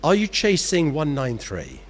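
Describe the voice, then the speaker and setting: A man's voice: a little high, huge pitch swings, unhurried. A man hosting an interview at a travel festival, asking friendly, upbeat questions. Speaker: interview host.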